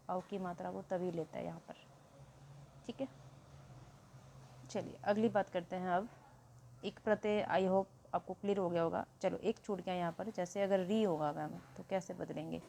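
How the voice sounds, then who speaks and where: Soft-toned woman teaching grammar. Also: on the low side, a little hiss or hum. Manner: explains step by step, asks questions and answers them herself. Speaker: Hindi teacher. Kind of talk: classroom grammar lesson.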